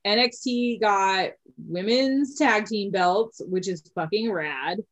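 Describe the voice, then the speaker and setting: A woman co-hosting a casual podcast chat, excitable, swearing freely and laughing often. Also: medium pitch, slow, poor audio. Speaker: podcast co-host.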